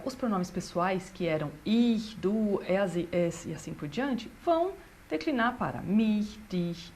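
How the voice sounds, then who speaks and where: A woman teaches a grammar lesson at a steady middle pitch. She explains patiently and slows down to read each example sentence. A faint hiss of noise sits under her voice. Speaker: German teacher.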